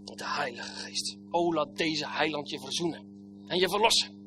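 A man preaching a sermon with old-fashioned biblical phrasing, swinging between loud exclamations and hushed, near-whispered lines. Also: a little high, moderate pace, background noise.

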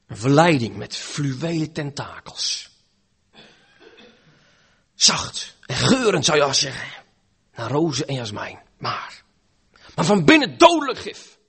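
A preaching man with a husky, fairly high voice that rises and falls widely. He moves between loud pleading and hushed, almost whispered lines. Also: big pitch swings, unhurried, long pauses. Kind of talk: sermon.

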